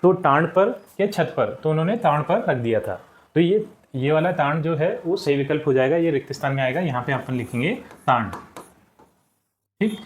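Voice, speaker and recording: Male teacher, slightly higher voice, patient and repetitive, talking young pupils through exercises. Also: animated, moderate pace. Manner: patient, repeats answers and checks with "ठीक". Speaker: school teacher. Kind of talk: explaining a textbook lesson to children.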